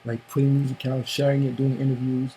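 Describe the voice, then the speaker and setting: A man's voice: mid-range voice, little pitch movement, fast talker, dark tone, a little hiss or hum, poor audio. A young man from Haiti, raised in Miami, chatting easily as a guest musician and agreeing with "for sure" and "yeah". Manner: laid-back, agreeable, repeats "for sure". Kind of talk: casual interview chat.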